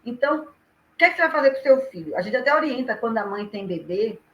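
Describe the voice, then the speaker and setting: A woman with a Brazilian Portuguese accent, an educator talking on a live stream and explaining things in an animated way. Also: a little high, fast talker, dull audio. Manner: animated, acts out quoted speech vividly.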